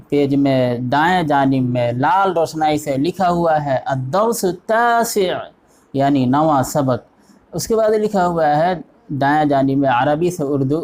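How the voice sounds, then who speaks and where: A man's voice: on the high side, a little mellow. Patient male Arabic teacher drilling vocabulary. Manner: repeats each word and quizzes the listener; patient, step-by-step explaining. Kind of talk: online textbook lesson.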